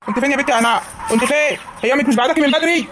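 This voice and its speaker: A man's voice: very high-pitched, very fast, background noise. A performer playing a stern village father who scolds his daughter, speaking with a rural Egyptian accent. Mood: scolding.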